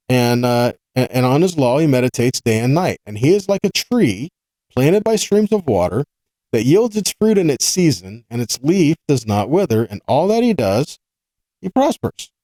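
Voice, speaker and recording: A man teaches scripture as host of a weekly study, speaking in an earnest, informal sermon style that explains conversationally, repeats points, poses rhetorical questions and checks in with listeners. His voice is a little high and warm, and the recording is dry and low quality.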